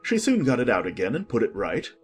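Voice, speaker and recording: A man narrating a storybook in a lively, expressive manner. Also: medium pitch, a little fast, breathy edge, soft background music.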